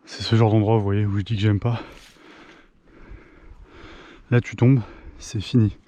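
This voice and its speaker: French hiker vlogging outdoors, mellow voice. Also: male voice, on the low side, flat delivery, brisk, no room sound. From France. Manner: chatty, thinks aloud with restarts and "hein". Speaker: hiker filming himself. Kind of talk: casual vlog narration. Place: mountain trail outdoors. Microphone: handheld camera.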